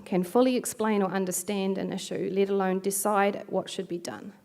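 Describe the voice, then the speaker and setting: Delivering an academic keynote, this middle-aged woman from New Zealand speaks in a warm, mid-range voice with a New Zealand accent. Her lecture is reflective, with the occasional gently self-deprecating aside.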